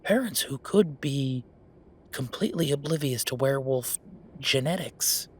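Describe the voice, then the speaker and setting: In an audio roleplay, a man plays a frustrated, world-weary werewolf official speaking intimately with his partner, sighing and resigned in a conversational tone. His natural, medium-pitched voice has lively intonation and a slightly slow pace, and background noise is clearly audible.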